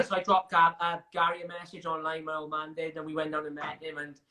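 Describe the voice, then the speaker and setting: A young Welsh man talks casually as an interview guest. His voice is bright and a touch high. He rambles, restarts his sentences and laughs as he tells stories. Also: monotone, brisk. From Wales. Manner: chatty, frequent restarts and fillers, laughs while telling stories. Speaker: MMA fighter guest.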